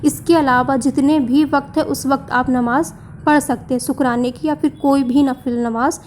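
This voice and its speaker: High-voiced woman explaining calmly. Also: normal speed, a little hiss or hum. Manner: calm, explanatory, lists points by number. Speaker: religious instructor. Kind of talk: step-by-step religious explanation.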